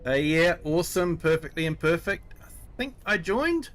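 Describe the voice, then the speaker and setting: A man's voice: a little high, animated, moderate pace, fairly bright tone. A man with a New Zealand accent chatting casually with viewers while streaming a game. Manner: easygoing, chatty, answering viewers. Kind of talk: casual live-stream chat.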